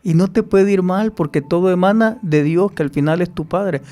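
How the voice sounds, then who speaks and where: This man's voice sits high and moves at normal speed, with soft music playing in the background. Appearing as a podcast guest, he tells stories in an interview and performs the voices of whoever he's quoting.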